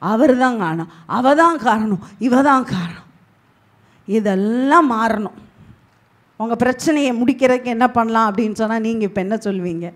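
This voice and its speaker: A woman pastor preaching a sermon with emphatic delivery, swinging between loud and hushed. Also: on the high side. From Tamil Nadu, India.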